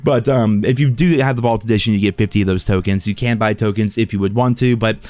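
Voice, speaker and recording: A man's voice: on the low side, fast, a little mellow, dry recording. A man giving casual game review commentary as a video host, blunt and sweary, with a sarcastic, scathing critical edge.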